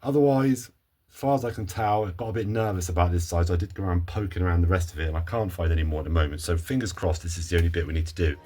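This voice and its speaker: A man's voice: low-pitched, fairly even intonation, very fast, warm tone. A man talking casually through a car repair in his garage, chatty and a little unsure of himself as he thinks aloud. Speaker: car restoration vlogger. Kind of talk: casual workshop vlog commentary. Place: home garage, under a car.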